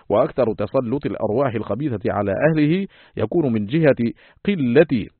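A man reading a classical text aloud as an audiobook, in a formal, measured recitation style. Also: on the low side, no room sound. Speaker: audiobook reader. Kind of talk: scripted narration of a classical text. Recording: tinny phone-like, dry, husky.

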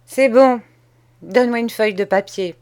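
A woman voicing an irritable, harsh old male schoolmaster who speaks gruffly and impatiently in an audiobook. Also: on the high side, moderate pace, a little mellow, natural voice. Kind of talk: audiobook character reading.

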